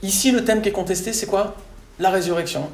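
A man's voice: sits high, fairly quick, gravelly, reverberant, a little hiss or hum. A man preaching a sermon to his congregation, teaching step by step and often checking with "d'accord?". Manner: didactic, repeats "d'accord?" to check understanding. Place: church hall.

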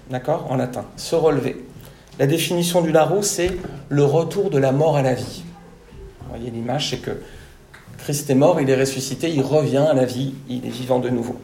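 A man's voice: mid-range voice, gravelly, warm tone, reverberant, slight background noise. A man preaching a sermon to his congregation, teaching step by step and often checking with "d'accord?". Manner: didactic, repeats "d'accord?" to check understanding. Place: church hall.

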